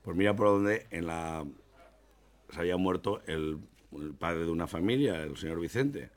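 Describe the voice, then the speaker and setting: A man's voice: sits low, moderate pace. A man telling jokes in a chatty, colloquial storytelling manner. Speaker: joke teller.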